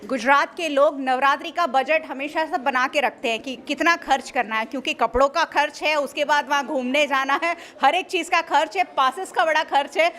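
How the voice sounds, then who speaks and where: Upbeat female field reporter, high pitch. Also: moderate pace, few pauses, sharp tone, slight background noise. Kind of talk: news feature reporting.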